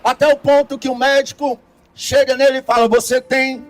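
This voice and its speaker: A man with a very high voice tells a parable slowly and dramatically. He pauses deliberately between phrases. Soft music plays faintly behind him. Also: little pitch movement. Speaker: storyteller. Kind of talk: storytelling a parable.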